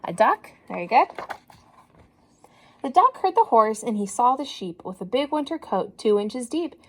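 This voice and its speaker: Reading a children's story in a teacherly way, a woman stays animated and encouraging and stops now and then to ask young listeners questions directly. Her pitch is fairly high, and there's a little hiss or hum in the recording.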